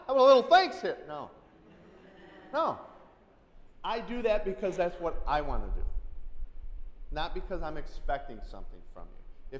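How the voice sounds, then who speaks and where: A middle-aged man teaches a safety class in a big echoing hall with a long reverb tail. His voice sits a little high for a man, and he tells stories, acting out the people in them and breaking into loud, forceful lines. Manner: storytelling, acts out quotes, loud emphatic bursts. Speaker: safety trainer. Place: church hall.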